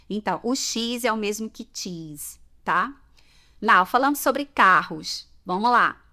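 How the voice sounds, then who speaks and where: In a fairly bright, mid-range voice, a Brazilian woman with a Brazilian Portuguese accent talks through everyday customs in a podcast lesson. The language teacher keeps it chatty, illustrates with examples, and often asks "tá?".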